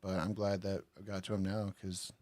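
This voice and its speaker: A man's voice: low voice, little pitch movement, fairly quick, darkish tone, no room sound. A tipsy man hosting a live stream, chatting casually and rambling, laughing often. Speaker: podcast and stream host.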